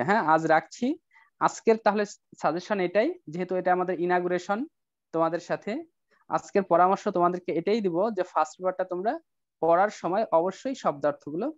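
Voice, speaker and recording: A male English teacher giving an online class lecture, coaxing students with rhetorical questions and slowing down to spell out example sentences. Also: on the high side, no room sound. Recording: dull lo-fi online class audio.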